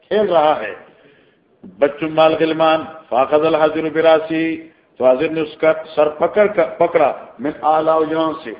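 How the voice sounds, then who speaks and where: A man's voice: on the high side, fairly even intonation. Pakistani man giving a roomy lecture. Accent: Pakistani Urdu. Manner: explains Arabic text line by line in Urdu, with storytelling asides. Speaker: hadith teacher. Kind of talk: classroom lecture on scripture. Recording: roomy, dull lo-fi recording.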